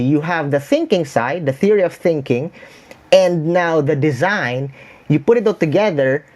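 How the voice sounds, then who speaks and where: A man's voice: on the high side, a little mellow. Filipino-accented man explaining in an interview. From Philippines. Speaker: branding consultant.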